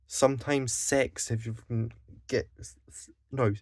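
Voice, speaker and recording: A man's voice: medium pitch, flat delivery, measured pace, no room sound. A Scottish man delivering a blunt, profane monologue, exasperated, sighing and correcting himself as he goes. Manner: swears a lot, blunt and exasperated, with sighs and self-corrections. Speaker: vlogger.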